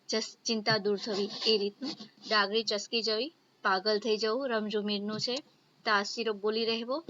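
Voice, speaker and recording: A woman teacher works through a grammar lesson, explaining each idiom plainly and dropping English words in as she goes. Her voice sits a little high. The recording is dull and lo-fi. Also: a bit bright.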